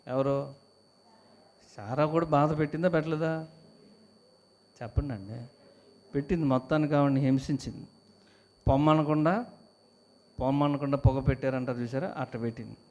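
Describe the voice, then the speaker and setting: A man's voice: mid-range voice, moderate pace, long pauses, a little mellow. A man with a Telugu accent, a pastor preaching an emphatic sermon and calling on the congregation to answer.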